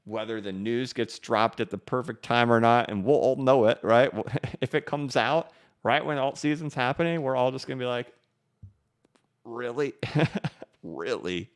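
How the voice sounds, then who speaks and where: A man with a mid-range voice and a measured pace hosts a crypto livestream, reading super chats from viewers over a studio microphone. His replies are relaxed and rambling, full of restarts.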